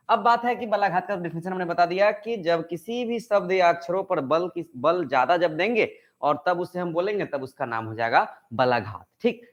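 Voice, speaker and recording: A man's voice: sits high, muffled recording. A man teaching an online grammar lesson, asking questions and answering them himself. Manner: acts out example sentences with stress.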